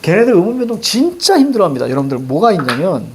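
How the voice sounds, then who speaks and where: Animated Seoul-accented male teacher. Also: high-pitched, quick pace. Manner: animated, repeats cue words, jokes with students. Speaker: Korean language teacher. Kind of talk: lively classroom lecture.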